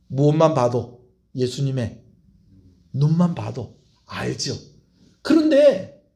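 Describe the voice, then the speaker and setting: A male pastor preaching a sermon, animated and putting questions to his congregation. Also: medium pitch.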